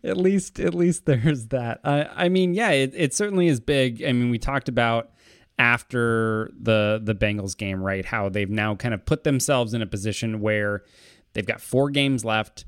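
A man's voice: medium pitch, normal speed, clean tone, dry recording, studio quality. Wry, stammering male co-host. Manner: wry, deadpan jokes, stammering restarts. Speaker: podcast co-host. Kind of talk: casual sports podcast chat.

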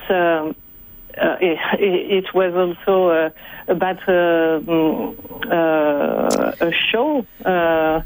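A Frenchwoman in her forties speaks slowly and haltingly in a lowish voice, as a shaken eyewitness. English is not her first language, and she searches for words in a strong of-the-moment interview account with a French accent. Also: darkish tone, no echo, rough recording. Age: 40s. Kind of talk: live radio interview.

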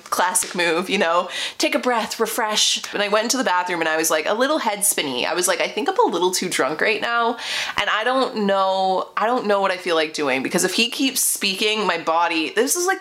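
A woman's voice: medium pitch, a bit bright. A woman hosts a casual storytime podcast in a mid-range voice. She is chatty and confiding, and her loose phrasing is full of fillers. She tells a personal dating story as if to a friend. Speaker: podcast host.

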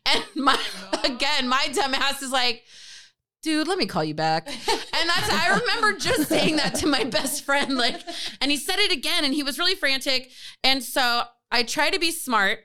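A young adult woman telling a story in casual chat, animated, laughing often and acting out the voices in it. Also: high-pitched, normal speed, crowd noise. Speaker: storyteller guest.

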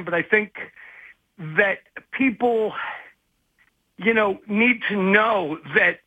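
A man's voice: sits high, no echo. A man speaking as a guest investigative journalist, rambling and hesitant, with many restarts, in a phone interview. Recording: tinny phone line.

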